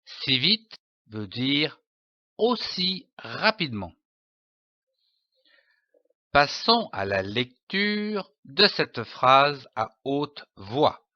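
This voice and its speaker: Very slow, lively-voiced man teaching reading. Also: medium pitch, dry recording, muffled recording. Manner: spells out letters and sounds deliberately. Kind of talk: slow syllable-by-syllable reading lesson.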